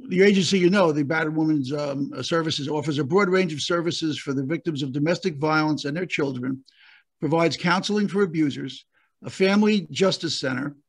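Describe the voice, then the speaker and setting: A man, a county prosecutor, hosting a virtual conference over a video call while losing his voice, speaking haltingly with frequent fillers and restarts. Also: on the high side.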